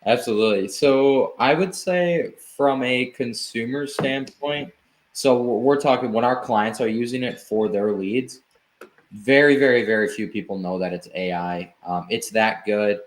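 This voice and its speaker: A man who founded an agency, a podcast guest explaining his work in relaxed casual chat, with many fillers. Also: mid-range voice, unhurried.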